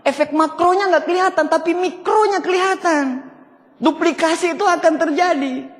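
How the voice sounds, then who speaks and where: Man, motivational seminar speaker, very high voice, asks listeners to agree, long hall echo. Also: moderate pace. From Indonesia. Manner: asks the audience for agreement, mixes casual and formal speech.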